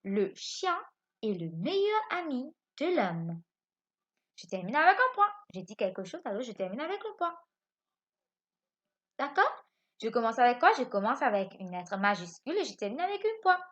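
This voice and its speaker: A woman's voice: on the high side, a little fast, highs cut off. A woman teaching French grammar to young children in a recorded lesson, asking questions and answering them herself. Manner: lively, repeats points, asks questions and answers them herself. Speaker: primary school French teacher.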